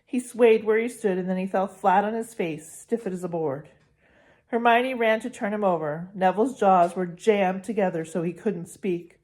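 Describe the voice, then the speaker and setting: A woman narrating a children's novel aloud in a steady, expressive read-aloud style. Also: mid-range voice, normal speed.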